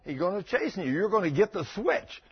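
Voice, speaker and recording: A man's voice: high voice, big pitch swings, a little fast, husky, lo-fi sound. A man preaching a folksy sermon, telling stories and bantering with his congregation.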